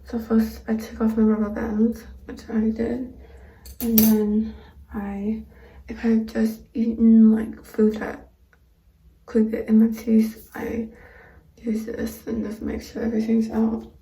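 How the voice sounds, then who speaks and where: A woman talking casually to camera in a vlog, explaining things in a halting way with pauses mid-sentence. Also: on the high side, monotone, dark tone, slight background noise. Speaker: vlogger. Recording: roomy echo, distant microphone.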